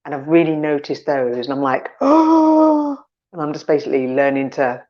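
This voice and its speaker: A woman's voice: rumbling low, fairly even intonation, fast, muffled recording. A woman co-hosting a casual podcast chat, talking animatedly and acting out her inner voices, with some swearing. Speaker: podcast co-host.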